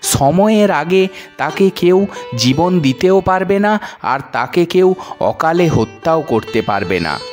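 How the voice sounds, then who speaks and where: A man's voice: fairly high pitch, very animated, takes it slowly, soft background music. A man voicing a stern male god of death who scolds a disobedient angel in a spoken story. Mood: scolding. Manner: scolding, commanding.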